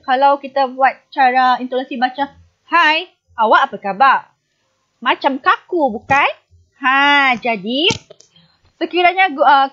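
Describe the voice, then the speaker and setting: A woman's voice: high voice, highs cut off. A woman primary school teacher giving a recorded online lesson, patiently asking the pupils questions and answering them herself.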